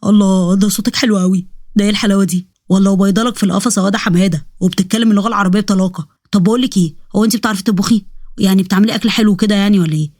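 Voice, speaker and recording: A woman's voice: mid-range voice, fairly even intonation, rapid-fire, darkish tone, dry recording, clean studio sound, close to an everyday voice. A woman doing a chatty, boastful young Egyptian man. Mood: excited. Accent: Egyptian Arabic. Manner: chatty, joking, rambling. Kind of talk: storybook narration with character voices.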